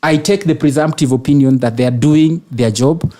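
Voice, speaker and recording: A man with a Kenyan accent giving political opinions as a panelist, arguing deliberately in formal wording. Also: on the high side, warm tone.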